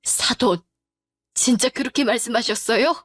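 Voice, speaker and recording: A woman's voice: fairly high pitch, moderate pace, a bit bright, no echo, soft background music. A woman doing a grieving widowed mother. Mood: distressed. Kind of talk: storytelling drama voice acting.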